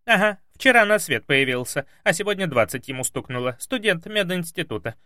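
A man reading aloud as a loud, bossy older woman who is a grandmother and housekeeper. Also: on the low side, animated, fairly quick, no room sound, studio quality, pitched above the performer's own voice. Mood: loud, excited.

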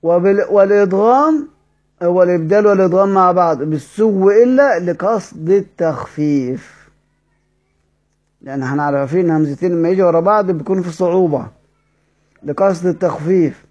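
A man's voice: high-pitched, darkish tone, lo-fi sound. Egyptian man teaching recitation rules. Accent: Egyptian Arabic. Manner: explains with questions to the class, demonstrates recitations slowly. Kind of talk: lesson explaining a text.

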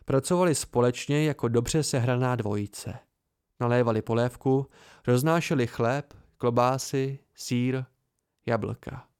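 A man calmly narrating an amateur audiobook on a close home microphone. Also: mid-range voice, clear, resonant tone.

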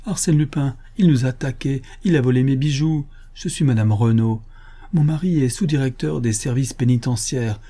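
An excitable, well-to-do woman in an audiobook, breathless and insistent, pitched well above the reader's own voice, as a man puts her on. The voice keeps a husky grain and a dark, mellow tone. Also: moderate pace, lightly acted. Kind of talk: audiobook character voice.

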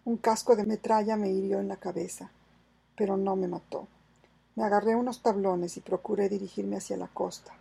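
A loyal, battle-worn sailor telling his story, as a woman reading aloud puts him on. He speaks quietly and earnestly, with a gravelly, husky tone throughout. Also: mid-range voice, steady tone, normal speed, exaggerated voice, low-quality recording. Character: loyal wounded male Malay sailor.

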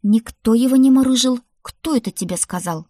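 A woman voicing a stern, grumbling grandmother, an ice witch, in an audiobook, with a scolding manner and a husky, dry voice. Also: medium pitch, very animated, brisk, a little mellow, no echo. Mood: indignant. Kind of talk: audiobook character voice.

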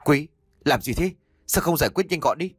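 A man's voice: fairly high pitch, expressive, normal speed, a bit bright, breathy edge, no room sound, studio quality, faint music behind, voice pushed up. Man doing a scoffing brutal accomplice. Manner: dismissive, scoffing. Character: scornful male accomplice, brutal and impatient.

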